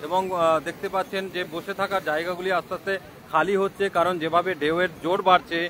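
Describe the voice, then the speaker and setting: A man giving live news commentary, repeating details and pausing as he explains, outdoors with wind on the mic. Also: high-pitched, level tone, fairly bright tone. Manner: repetitive explanatory delivery with hesitant pauses. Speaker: live reporter. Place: outdoors on a sea beach. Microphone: mobile phone. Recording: noisy outdoor live stream, roaring sea wind. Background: roaring waves and wind.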